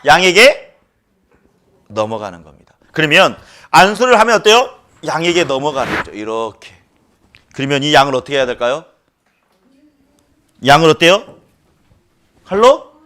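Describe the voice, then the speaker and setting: A man's voice: fairly high pitch, very animated, moderate pace, long pauses, pushed and bright. A male pastor preaching a sermon who keeps questioning the congregation and stresses his points emphatically.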